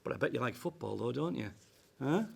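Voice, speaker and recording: Guy doing a gravelly boss, high lively voice, wheedling and pushy. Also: fairly quick, a little hiss or hum. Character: blustering male boss bribing his team. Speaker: team manager.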